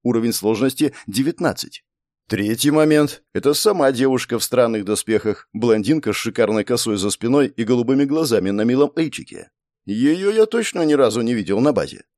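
Male audiobook narrator, expressive, animated delivery, dead dry studio sound. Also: mid-range voice, a little fast, no room sound. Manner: expressive storytelling. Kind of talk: first-person scripted narration.

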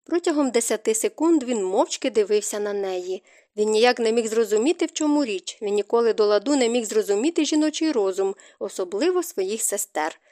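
A woman narrates a romance novel in an expressive, emotive style. Her voice sits a little high, and she reads with steady, heartfelt emphasis. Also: brisk. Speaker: audiobook narrator. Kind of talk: audiobook narration.

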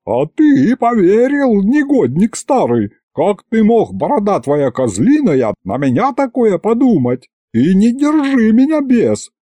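A man's voice: fairly high pitch, wildly swooping pitch, normal speed, few pauses, mellow, no echo, studio quality, voice pushed up. A man voicing a brash, hot-tempered older village woman who wails and protests in folksy speech. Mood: outraged. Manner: wailing, folksy and indignant.

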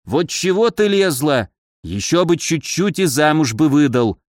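A man's voice: a little high, big pitch swings, a little slow, no echo, clean studio sound. A man voicing a fussy, scolding old male boyar in an audiobook, whining and dramatic.

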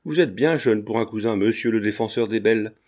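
A man's voice: lowish voice, a little fast, a little mellow, close to an everyday voice. A man reading aloud and voicing a stout, scornful older bourgeois man who blusters and threatens.

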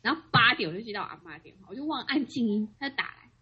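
Husky animated woman telling stories. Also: racing. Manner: animated storytelling, mimics grandmother in high voice. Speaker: podcast co-host. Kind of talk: casual chat. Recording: dull lo-fi sound.

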